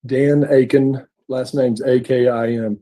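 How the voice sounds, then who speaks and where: On a courtroom recording, a man in his sixties answers each question briefly and formally. His voice sounds mellow and subdued, and the pitch sits in a middle range. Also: level tone, slow. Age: 60s. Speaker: trial witness. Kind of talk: sworn courtroom testimony.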